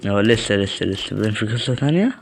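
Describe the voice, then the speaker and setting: A man's voice: lowish voice, expressive, quick pace, creaky, slightly rough. A young man with an Egyptian Arabic accent giving horror game commentary, jumpy and talking back to the game, muttering prayers when scared. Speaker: gaming channel host.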